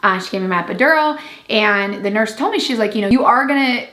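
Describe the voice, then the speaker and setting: A woman's voice: on the high side, expressive, quick pace, a bit bright. Chatty young woman in an echoey room. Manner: chatty, laughing, full of fillers and quoted asides. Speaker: vlogger. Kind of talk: casual storytelling vlog.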